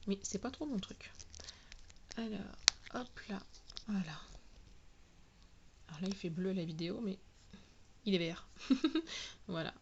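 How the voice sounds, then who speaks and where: A woman talking casually through a product unboxing, spelling out each product name slowly and clearly. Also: mid-range voice, animated, muffled recording, heavy background noise. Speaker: nail product reviewer.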